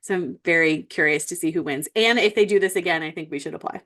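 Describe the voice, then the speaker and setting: A woman's voice: on the low side, quick pace, fairly bright tone. Chatty laughing woman co-host. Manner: chatty, rambling, laughs often. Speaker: podcast co-host. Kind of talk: casual chat.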